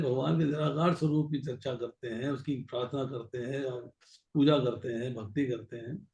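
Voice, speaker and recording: A man's voice: a little high, warm tone. A man leading a scripture class, asking students questions and repeating short phrases to make his point. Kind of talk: explanatory lecture with questions to students. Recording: echoey room sound.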